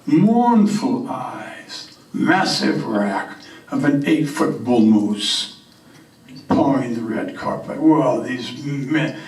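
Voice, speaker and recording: A man playing a boastful backwoods moose caller with a French-Canadian accent and halting, simple broken English, telling comic tall tales. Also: mid-range voice, expressive, darkish tone. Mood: boastful, storytelling. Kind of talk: comic character monologue on stage. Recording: echoey room, distant microphone.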